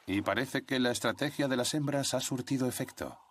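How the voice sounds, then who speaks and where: A man's voice: medium pitch, brisk, a little hiss or hum. A man delivering scripted nature documentary narration. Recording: narration over background music.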